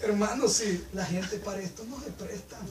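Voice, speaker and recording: A man's voice: sits high, moderate pace. Male preacher, fervent sermon, voice distant in an echoey church room. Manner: fervent, rising to loud emphatic peaks.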